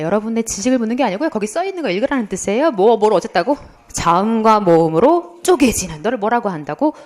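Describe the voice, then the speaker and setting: A middle-aged woman lecturing for an exam prep course, quizzing students and then answering her own questions in a playful way. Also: mid-range voice. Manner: lively, asks students questions and answers them herself; playful, imitates sounds and tells funny anecdotes. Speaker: Korean language lecturer.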